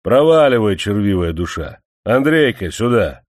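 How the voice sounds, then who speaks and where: Here a man narrating an audiobook uses a lowish, sing-song voice at a measured pace to play a greedy factory manager, pompous and falsely pious. The character scornfully berates and ridicules the workers. Sound is clean studio quality with no echo.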